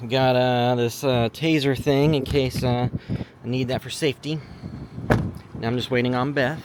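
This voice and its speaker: A man's voice: medium pitch, fairly even intonation, moderate pace, natural voice. Guy playing a skeptical creature hunter, casual hesitant muttering, found footage horror vlog, bit of location noise. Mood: musing, wary. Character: casual skeptical male amateur creature hunter filming himself. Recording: noisy location sound.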